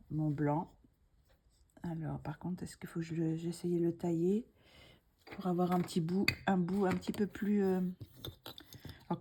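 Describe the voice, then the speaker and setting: There's slight background noise as a middle-aged woman narrates a coloring tutorial. She talks slowly and softly with a fairly low pitch, thinking aloud and often lowering her voice to a whisper.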